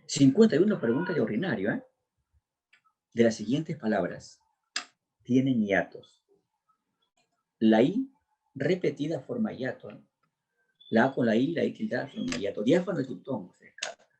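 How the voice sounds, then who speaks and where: A man's voice: mid-range voice, sing-song, moderate pace, vocal fry, pauses often, darkish tone, a little hiss or hum. A man teaching a pre-university exam class, working through language questions one by one in a drilling lecture style. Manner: drilling, walks through answers step by step.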